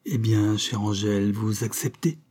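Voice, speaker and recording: A man's voice: on the low side, a little slow, a little mellow. A man reading aloud, voicing an earnest young man pleading with the woman he loves in a storybook reading.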